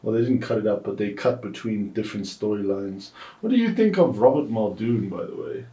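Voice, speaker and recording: Low-voiced man chatting about film. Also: animated, a little fast, warm tone. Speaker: podcast co-host. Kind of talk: casual film discussion. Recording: echoey room.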